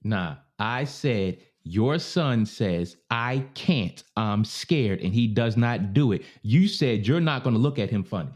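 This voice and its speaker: Animated, emphatic man arguing his point. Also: on the low side, unhurried, few pauses. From Baltimore area. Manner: emphatic, animated, profane, repeats himself. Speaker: podcast co-host. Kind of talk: casual debate chat.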